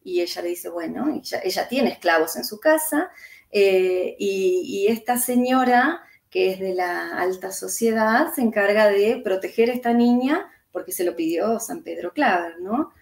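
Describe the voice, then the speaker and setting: Here the Argentine historian and author has a gravelly, medium-pitched voice with lively intonation, at normal speed in an echoey room. She muses aloud through the interview, with plenty of hesitations.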